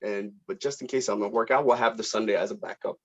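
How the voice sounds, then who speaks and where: Over dull, lo-fi call audio, a man directs a student film's table read in a casual online meeting. His voice sits lowish and steady, moving at a quick pace, and he speaks informally and appreciatively, phrasing things hesitantly.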